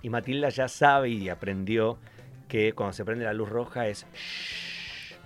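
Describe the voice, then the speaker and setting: A man's voice: fairly low pitch, moderate pace, faint music behind. Argentine male voice actor, chatty on-air guest, plays out every voice in his stories. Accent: Argentine Spanish. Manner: animated storyteller, acts out voices in anecdotes. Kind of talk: radio interview chat.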